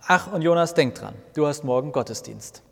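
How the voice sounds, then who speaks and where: A man's voice: on the high side, lively intonation, moderate pace, vocal fry, breathy edge, exaggerated voice. Trixi, a dry, skeptical young woman housemate, read by a man, audio story with hall reverb. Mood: matter-of-fact. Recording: long reverb, roomy hall sound.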